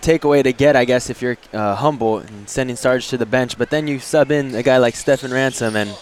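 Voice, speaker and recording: A man's voice: medium pitch, a little fast, slight background noise. A man working as a color commentator, giving live analysis of a basketball game.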